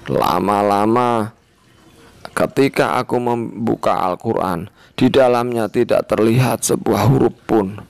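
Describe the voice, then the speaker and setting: A man narrating a religious tale in a measured, earnest read-aloud manner, with a gravelly voice. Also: mid-range voice, a little mellow, no echo. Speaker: storyteller.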